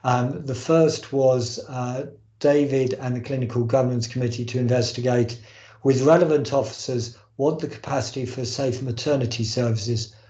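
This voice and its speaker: A man's voice: mid-range voice, steady tone, normal speed, mellow. A man chairing a formal board meeting on a video call, speaking with frequent hesitant ums. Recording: muffled, roomy video call audio.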